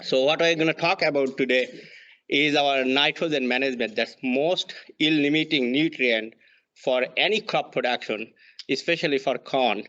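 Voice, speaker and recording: A man's voice: mid-range voice, moderate pace, fairly bright tone, lo-fi sound. A man in his thirties from Bangladesh with a Bangladeshi accent, giving an extension talk on crop management over slides, with frequent fillers and restarts. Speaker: extension soil fertility specialist.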